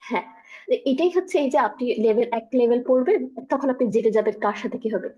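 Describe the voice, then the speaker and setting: A woman's voice: fairly high pitch, lively intonation, fairly quick, mellow, highs cut off. A woman with a Bangladeshi Bengali accent, teaching a beginner Chinese class over a video call and checking often that her student follows. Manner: explains patiently with frequent check-ins. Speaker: language teacher.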